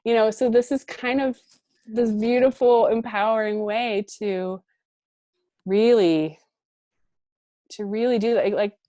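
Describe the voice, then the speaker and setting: A woman in her thirties, a guest parent coach on an online interview, talking in a warm, animated way with frequent laughs and fillers. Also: on the high side, slow pace, long pauses, dry recording. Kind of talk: conversational interview.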